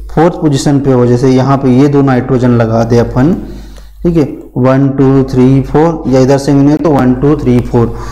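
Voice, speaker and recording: A man's voice: mid-range voice, warm tone, low-quality recording. A man teaching a pharmacy class at a board, explaining step by step, repeating key terms and answering his own questions. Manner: calls students "beta". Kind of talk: whiteboard lecture.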